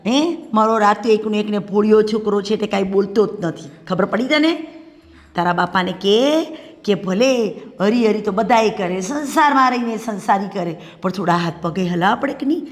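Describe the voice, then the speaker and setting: A woman's voice: mid-range voice, normal speed, big-room sound, natural voice. A woman playing a scornful scolding aunt. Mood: sneering. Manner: sneering, scolding, threatening. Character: scornful middle-aged aunt taunting a poor bride. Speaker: paternal aunt of the groom. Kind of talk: family drama acting.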